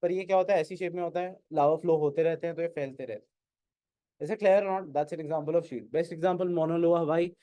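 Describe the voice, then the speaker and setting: A man with an Indian English accent teaching an exam-prep class, mixing Hindi and English and often asking whether it is clear. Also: fairly high pitch, steady tone, normal speed, warm tone, no room sound. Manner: keeps asking "is it clear?", questions and answers his own prompts.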